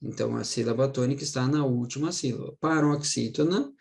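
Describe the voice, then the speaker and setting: A middle-aged man gives a relaxed online grammar lesson, his mid-pitched voice roughened by a gravelly fry. He talks to his students like friends, checking in after nearly every phrase and slowing down to lean on the words he wants them to remember. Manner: chatty, keeps checking in with "tá?" and "né?"; slows down and stresses words to explain them. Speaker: Portuguese teacher for exam prep. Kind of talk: casual recorded online lesson.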